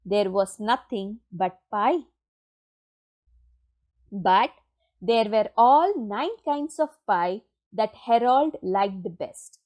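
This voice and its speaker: Reading a children's picture book to an audience, a woman with a mid-range voice tells the tale expressively and deliberately. She lets dramatic pauses build the story.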